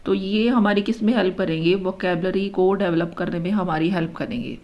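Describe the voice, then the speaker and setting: A woman teacher explaining an exam-prep lesson step by step, mixing English terms into her Hindi and reading each option slowly before explaining it quickly. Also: lowish voice, steady tone. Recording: dull lo-fi recording.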